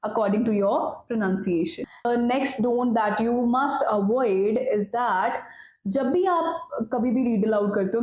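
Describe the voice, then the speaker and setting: A woman's voice: fairly high pitch, darkish tone, echoey room, poor audio. A woman coaching students on exam speaking, giving direct advice in a mix of Hindi and English. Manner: direct, advising, addresses viewers as guys. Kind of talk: instructional talk mixing Hindi and English.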